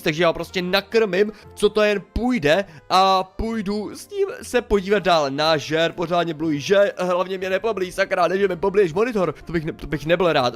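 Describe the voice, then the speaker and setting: A young man chatting excitedly through a game as a YouTuber, exclaiming and mildly swearing as he plays. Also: high voice. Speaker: gaming YouTuber. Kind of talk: casual game commentary.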